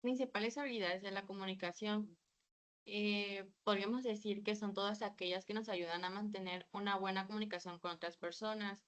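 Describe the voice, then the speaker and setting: A woman's voice: medium pitch, steady tone, fairly quick, a bit bright. Woman presenting communication skills to class. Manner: reads from slides, starting with hesitant fillers. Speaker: student presenter.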